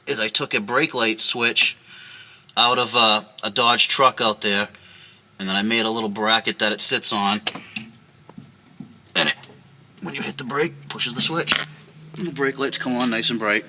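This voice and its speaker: Tired, low-key man vlogging. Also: fairly even intonation, moderate pace, pauses often, sharp tone, slight background noise. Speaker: car vlog host. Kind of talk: casual off-the-cuff vlog.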